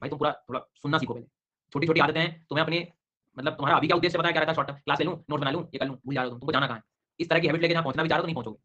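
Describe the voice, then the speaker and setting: A man runs an online geography class, talking very fast and calling on students by name. His comes through as he explains and questions them. The recording is dull and lo-fi. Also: a little high, steady tone, bright, forceful tone. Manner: brisk, quizzing students by name. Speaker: teacher.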